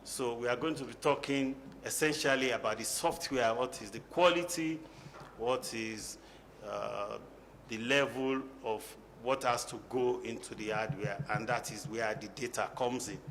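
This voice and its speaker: A man moderating a conference panel, speaking haltingly and often repeating words. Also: mid-range voice, fairly bright tone. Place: conference hall. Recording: echoey conference hall, faint noise.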